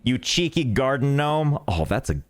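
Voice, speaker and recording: A man's voice: mid-range voice, big pitch swings, normal speed. A man streaming a game, giving goofy, playful commentary full of exclamations. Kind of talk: let's play commentary.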